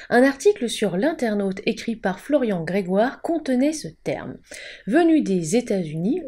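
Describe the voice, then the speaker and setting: A woman's voice: fairly high pitch, dark tone, slightly rough. A woman hosting a casual explainer video, with a playful, theatrical emphasis. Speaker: YouTube host.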